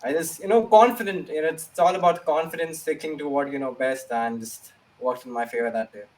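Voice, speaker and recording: A man's voice: a little high, steady tone, brisk. Young man, far from the mic. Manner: earnest, repeats his key phrases. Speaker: esports player. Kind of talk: casual interview answers. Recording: voice distant from the mic.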